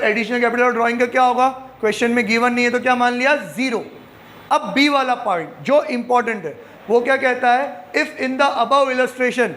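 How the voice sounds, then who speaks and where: In a classroom lecture, a man teaches accounting in Hindi mixed with English terms, asking questions and answering them himself while teasing his students. His voice is very high-pitched and a bit bright, with slight background noise.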